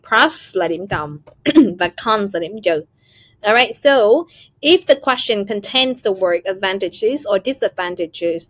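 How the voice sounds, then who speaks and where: A woman's voice: mid-range voice, no room sound. A woman with a Vietnamese accent teaching an online class, calling on students by name and explaining phrases. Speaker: English teacher. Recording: dull, lo-fi, dry call audio.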